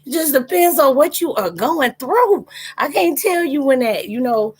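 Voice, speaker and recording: Her voice high-pitched and very animated at a normal pace, a woman in her forties hosts a live stream. She laughs and chats casually while replying to comments, describing herself as a psychic.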